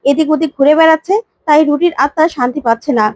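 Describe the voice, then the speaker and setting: A scheming middle-aged woman, sly and manipulative, put on by a woman storyteller. She speaks in an insinuating way, with a high voice and a dry, close sound. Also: steady tone, very fast, darkish tone, no room sound, lightly acted.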